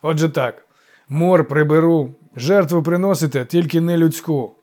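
A man voicing a gruff, goat-legged male forest god who grumbles curt orders. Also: fairly high pitch, moderate pace, a little mellow, voice pushed up, natural voice.

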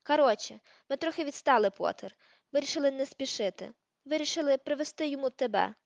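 A woman voicing a crude, hulking teenage boy bully who talks coarsely and shouts in a storybook reading. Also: high voice, animated, brisk, dry recording, highs cut off. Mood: smug.

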